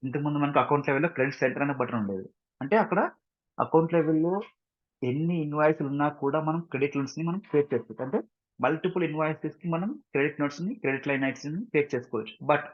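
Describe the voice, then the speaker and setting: A man with an Indian Telugu accent leads a step-by-step software tutorial, switching between two languages and frequently asking brief questions to make sure learners follow. His voice sits on the high side and moves at a quick pace, captured in a dull, roomy, lo-fi screen recording.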